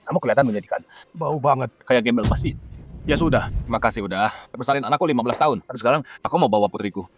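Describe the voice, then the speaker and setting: A man's voice: medium pitch, very fast, a little hiss or hum, lightly acted. A man playing a sneering rich father. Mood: scornful. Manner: sneering, condescending. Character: boastful scornful rich father, middle-aged man. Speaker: wealthy biological father. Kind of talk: dubbed drama acting.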